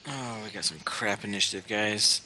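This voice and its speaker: A man's voice: lowish voice, expressive, normal speed, sharp tone. A man taking part in a tabletop game as a player, talking casually. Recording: noisy insect ambience behind voice.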